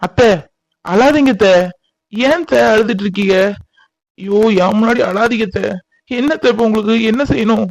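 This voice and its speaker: A man plays a torn young village man in a cartoon. His voice is high for a man, earnest and emotional. The sound is close and dry. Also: moderate pace, gravelly, long pauses, dry recording, poor audio. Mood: distressed. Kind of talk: cartoon voice acting.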